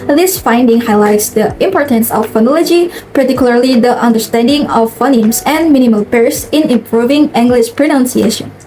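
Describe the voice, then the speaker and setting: A young woman reading a lesson summary as a student presenter, in a steady, formal way. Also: on the high side, normal speed, few pauses, poor audio.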